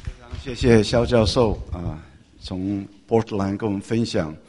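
A man's voice: lowish voice, moderate pace, a little hiss or hum. A man hosting a church service who thanks the guest speaker, makes announcements in a casual, friendly way, and leads a prayer before lunch. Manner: casual, friendly announcing with many soft particles.

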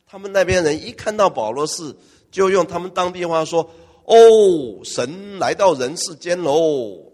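A male pastor preaching a lively, humorous sermon and firing questions at his congregation. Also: a little high. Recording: long church-hall reverb.

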